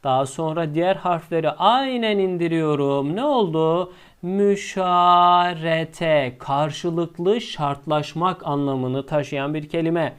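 A male teacher explaining a lesson step by step, asking himself questions and answering them, and drawing out the key words slowly. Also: fairly high pitch, clean tone.

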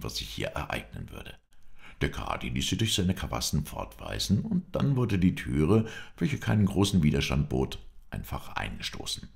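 A man narrates an old adventure novel in a very deep, gravelly voice. His pitch moves in a lively way as he tells the story and lifts it to voice the speakers. The reading is steady and measured. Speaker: audiobook narrator.

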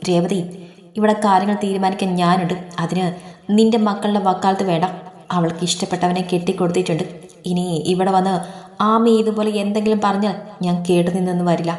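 A woman voicing a stern older father who shouts orders, in a radio story reading. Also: mid-range voice, little pitch movement, brisk, close to an everyday voice. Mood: angry. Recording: echoey reverberant room.

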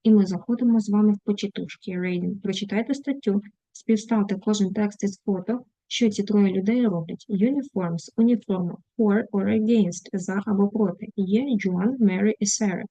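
A woman's voice: mid-range voice, moderate pace, warm tone, dry recording, low-quality recording. A woman with a Ukrainian accent, an English teacher reading out words and translating them during an online lesson.

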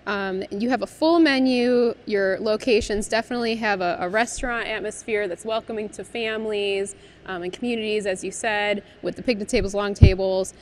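A woman's voice: medium pitch, brisk, slight background noise. A woman in her thirties interviewing a brewery guest in a barrel room, asking chatty questions with fillers. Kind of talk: business interview.

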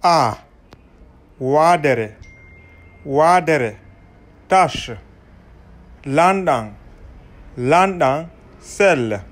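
A man with a Guinean French accent giving a recorded lesson, speaking slowly and deliberately and repeating each sound twice. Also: fairly high pitch, expressive. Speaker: language teacher.

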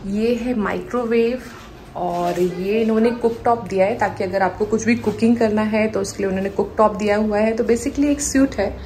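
A woman's voice: medium pitch, moderate pace, mellow, a little hiss or hum. Chatty Indian woman travel vlogger. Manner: chatty, explaining as she goes, frequent fillers. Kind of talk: casual travel vlog narration.

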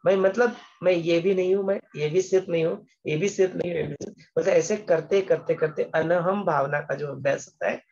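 A man's voice: high voice, fairly even intonation, fairly quick, creaky, few pauses, a little mellow, lo-fi sound. A man giving an explanatory scripture lesson as a spiritual teacher, patiently repeating words and slipping English phrases into his talk.

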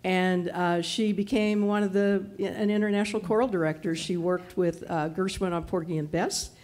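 A woman's voice: on the low side, steady tone, moderate pace, darkish tone. A woman in the audience at a public talk, asking a question and giving enthusiastic, informative detail. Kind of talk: question from the floor. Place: event hall with audience.

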